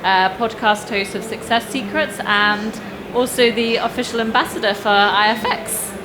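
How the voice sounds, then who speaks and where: A woman's voice: on the high side, fairly even intonation, normal speed, a crowd in the background, low-quality recording. A young adult woman hosting a fireside interview, upbeat and gushing, with fillers. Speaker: interview host. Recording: clear background noise.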